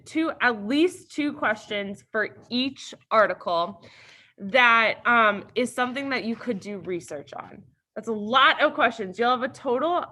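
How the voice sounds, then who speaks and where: A young woman addresses her class in a bright, slightly high voice. She talks slowly and casually, with plenty of fillers and an upbeat lilt. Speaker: teacher. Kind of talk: classroom instruction.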